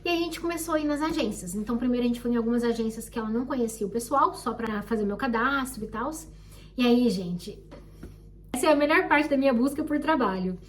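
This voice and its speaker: Brief: young Brazilian woman, high voice, quick and expressive personal storytelling, slightly distant mic with faint hum. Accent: Brazilian Portuguese. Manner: animated, expressive, acts out quoted people. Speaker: vlogger. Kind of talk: casual storytelling.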